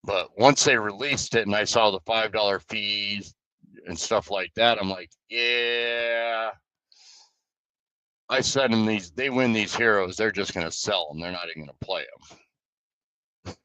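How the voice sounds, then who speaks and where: A man's voice: lowish voice, normal speed, bright, forceful tone, no echo, low-quality recording. A man chatting loosely on a live stream as guild leader, rambling with fillers and restarts. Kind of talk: casual live stream chat.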